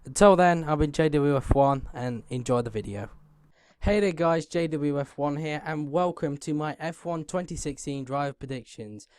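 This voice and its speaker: A young man hosts his own YouTube racing channel, chatting casually with viewers in a croaky voice from a sore throat. He keeps clearing his throat and fills pauses with ums. His pitch sits on the high side with a darkish tone, and the recording is dry.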